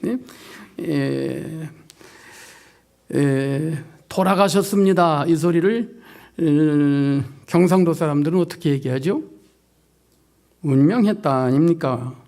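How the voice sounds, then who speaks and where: A man's voice: fairly high pitch, slow, gravelly, a little mellow. Joking, folksy preacher man. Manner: joking, folksy, draws out words, asks the crowd. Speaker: pastor. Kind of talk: evening revival sermon. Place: church sanctuary.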